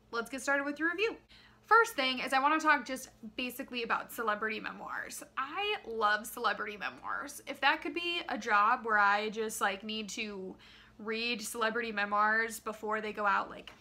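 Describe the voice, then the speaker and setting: Young woman chatting through a book review, bright forceful voice, a bit high, expressive. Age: young adult. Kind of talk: casual vlog review to camera. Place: small living room, indoors.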